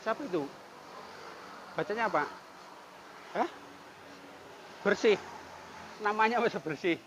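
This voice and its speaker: Calm coaxing man. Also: sits high, a little slow. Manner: calm, coaxing, repeats soothing phrases. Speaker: volunteer caring for a homeless man. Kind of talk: filmed street outreach, talking to a man on camera. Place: roadside outdoors near a market. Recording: outdoor traffic and insect noise.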